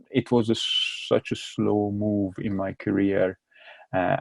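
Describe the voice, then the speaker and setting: As a guest in a relaxed interview, this man explains himself in a second language, his strong Hungarian accent clear and his low, gravelly voice almost monotone. He stalls, repeating words as he searches for the right ones. The recording is dry, placing his mellow, dark tone in a close space.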